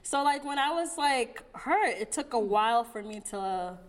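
High-pitched young woman chatting, slangy and animated. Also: moderate pace. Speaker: podcast co-host. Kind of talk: casual chat, personal storytelling.

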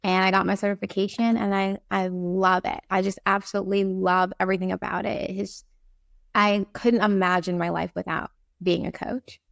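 A woman's voice: medium pitch, little pitch movement, moderate pace, gravelly, dry recording, clean studio sound. A woman from Barbados, a time management coach, chatting as an interview guest with lots of fillers and an upbeat manner. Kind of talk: casual interview talk.

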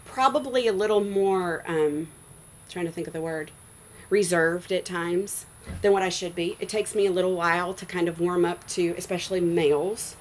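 A woman in her forties recounts a story in a relaxed interview, her voice sitting a little low. She talks in an animated, loose way, peppered with "like" and "you know.". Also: normal speed, slight background noise, low-quality recording. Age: 40s. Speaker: guest, schoolteacher.

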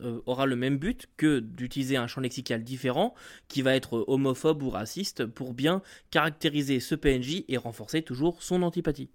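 A man talking casually to camera about running tabletop role-playing games, with the odd filler. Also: mid-range voice. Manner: conversational, lively, with occasional fillers. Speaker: tabletop game master giving advice. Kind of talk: explanatory video talk.

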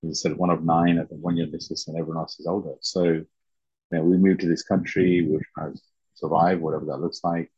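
Deep husky man telling his story haltingly. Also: little pitch movement, dark tone, no echo, lo-fi sound. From Uganda. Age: middle-aged. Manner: halting, many ums and restarts. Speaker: guest. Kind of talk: reflective personal storytelling.

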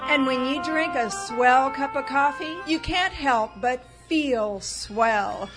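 An actress playing a chirpy sidekick in a radio coffee commercial. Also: female voice, high-pitched, slow, a bit bright, faint music behind, rough recording. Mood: bright.

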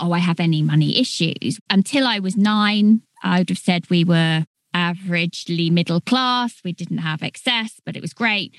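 A woman's voice: medium pitch, no room sound. A woman hosting a podcast, thinking aloud in long, winding questions to her guest. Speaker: podcast host. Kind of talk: conversational interview.

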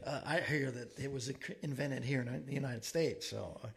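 A man hosting a radio talk show, interviewing his guest casually and tossing in jokes and quick interjections. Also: mid-range voice, gravelly. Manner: joking, quick interjections and puns.

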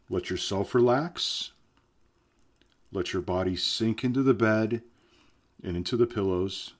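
A man plays a weary vlogger at the end of the world, his voice sitting a little low. He hesitates and restarts as he talks to the camera. When he hypnotizes someone, he slows into a calm, soothing murmur. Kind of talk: found-footage vlog acting.

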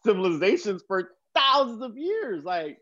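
A young man from Texas, USA, hosts a podcast and chats casually, rambling along in informal slang. His voice is high-pitched and sing-song at a normal speed, and the recording is very noisy with a slightly muffled quality.

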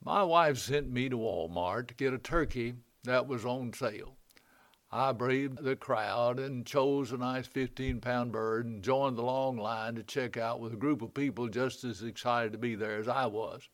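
A man, a pastor, giving a short devotional sermon in a calm, measured storytelling voice. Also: medium pitch.

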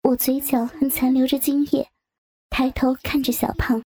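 High, gravelly woman narrating softly. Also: flat delivery, moderate pace. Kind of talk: first-person erotic story narration.

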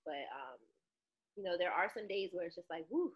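A soft-spoken woman chatting casually as a guest on a talk show, on a dull remote call. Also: lowish voice, lively intonation, normal speed, husky. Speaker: returning guest, author. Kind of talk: casual chat.

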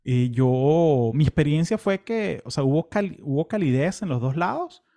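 A young man from Venezuela with a Venezuelan Spanish accent, casually recounting a long walking pilgrimage in a relaxed, chatty way full of fillers and restarts. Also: on the high side, normal speed. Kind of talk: casual travel storytelling.

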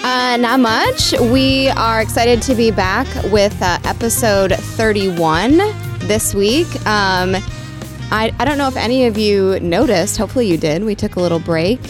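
A woman co-hosting a podcast in a casual chat, speaking informally with hesitant pauses. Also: mid-range voice, over music. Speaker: podcast co-host.

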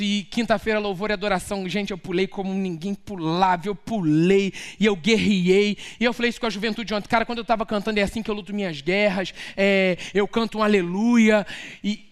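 A man with a Brazilian accent preaching a lively, story-filled sermon, rising into shouts at its peaks. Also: sits high, clear, resonant tone. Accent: Brazilian Portuguese.

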